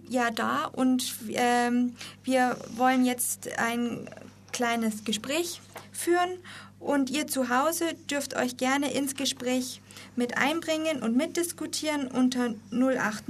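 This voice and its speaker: A woman's voice: high voice, slight background noise. A woman co-hosting a radio talk show in the studio, reading scripted lines and sometimes stuttering on a word.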